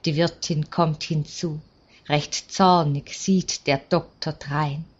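Slow, calm woman telling a story. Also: low-pitched, husky. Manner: calm and measured. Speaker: story reader. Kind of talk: read-aloud storytelling. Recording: dull lo-fi recording.

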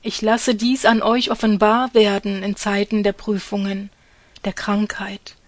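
A woman gives a solemn devotional reading, speaking as God the Father to his children in an earnest, exhorting way. Her phrase endings often drop to a soft hush. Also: mid-range voice, steady tone, normal speed, no echo. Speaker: reader of a devotional message.

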